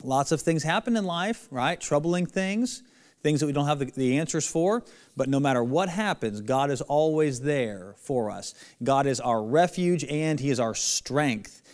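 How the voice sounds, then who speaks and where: A man leading a children's Bible lesson to camera, playful and coaxing, reciting slowly with emphasis. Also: on the high side, lively intonation, a little mellow. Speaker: church children's teacher. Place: church room.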